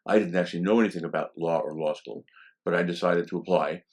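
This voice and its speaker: A man in his seventies, a law professor, telling stories from his past in a relaxed way, with many "um" fillers. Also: low voice, fast. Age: 70s. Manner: relaxed and anecdotal, with frequent "um" fillers. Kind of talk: reminiscing interview storytelling.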